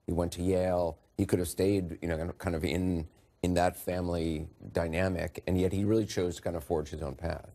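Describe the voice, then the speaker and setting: Brief: male panelist, very low and mellow, thoughtful. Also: little pitch movement, normal speed. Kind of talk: panel discussion.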